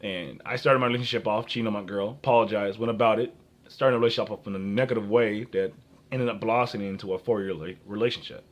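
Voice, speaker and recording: Halting young American man giving relationship advice. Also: fairly low pitch, steady tone. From Minnesota, United States. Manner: halting, often breaks off and repeats phrases. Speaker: dating advice vlogger. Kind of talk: rambling off-the-cuff advice and personal anecdotes.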